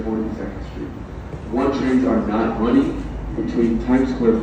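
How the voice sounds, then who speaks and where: A man's voice: medium pitch, distant mic. Echoey male public-address transit announcer. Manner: formal, scripted delivery. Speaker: subway service announcer. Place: subway station, heard over loudspeakers with ambient noise. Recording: echoey, muffled, noisy station PA from afar.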